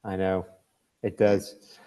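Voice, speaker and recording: A man chatting casually as a hockey-playing guest, haltingly, often repeating words before he finishes. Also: low-pitched, little pitch movement, warm tone, smooth, lo-fi sound. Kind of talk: casual chat.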